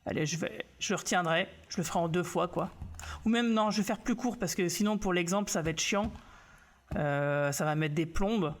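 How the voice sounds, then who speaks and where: A man walking viewers through a software demo on a live stream, in a loose, unscripted way. He jokes at his own expense and thinks aloud, filling pauses with hesitations and restarts. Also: high-pitched. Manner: relaxed, self-mocking, thinks aloud with many fillers. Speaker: graphic designer teaching software on a live stream. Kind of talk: casual live tutorial.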